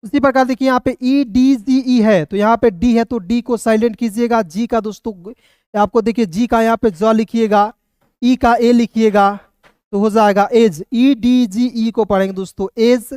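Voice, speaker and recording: Clear-voiced male teacher. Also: very high-pitched, steady tone, darkish tone, dry recording, clean studio sound. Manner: spells letters out slowly, asks rhetorical check questions. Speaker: English teacher. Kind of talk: spelling and pronunciation lesson.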